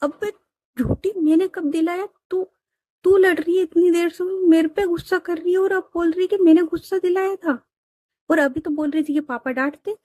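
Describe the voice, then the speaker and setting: A woman's voice: very high-pitched, steady tone, moderate pace, warm tone, no echo, studio quality, pitched above the performer's own voice. Woman voicing a whiny teasing younger sister.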